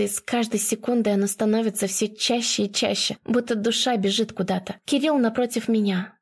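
A woman narrating a first-person romance audiobook in an intimate, expressive manner. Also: fairly high pitch, slightly rough.

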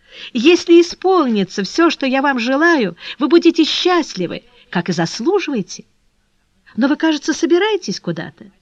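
A woman reading an audiobook and voicing a gentle, dignified young noblewoman in mourning who speaks in an earnest, composed way. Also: high-pitched, very animated, normal speed, no echo, pitched above the performer's own voice. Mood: tender. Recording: dull dry lo-fi recording.

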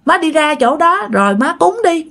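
A woman voicing the spirit of a dead young man who pleads with his mother on the phone in a high, whiny voice. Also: big pitch swings, moderate pace, a bit bright, exaggerated voice. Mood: pleading.

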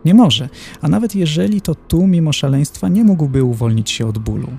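A man's voice: fairly high pitch, big pitch swings, brisk, vocal fry, mellow, slightly rough, pitched above the performer's own voice, full character voice. A man playing a stern, indignant professor who tortures souls in hell, in a horror audiobook. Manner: indignant, severe.

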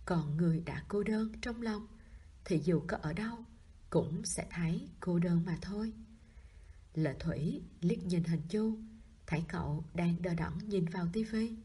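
Soft breathy woman narrating a novel. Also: medium pitch. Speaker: audiobook narrator.

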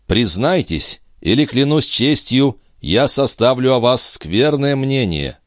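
A man voicing a calm, firm middle-aged doctor in an audiobook, speaking in a measured, insistent way. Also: mid-range voice, no echo, clean studio sound, pitched above the performer's own voice.

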